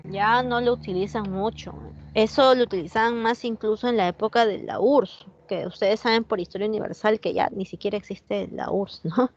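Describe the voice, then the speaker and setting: A woman's voice: medium pitch, fairly even intonation, moderate pace, muffled recording, a little hiss or hum. A Peruvian woman with a Peruvian Spanish accent teaching an online chemistry class, chatty, often asking her students questions and answering their comments. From Peru.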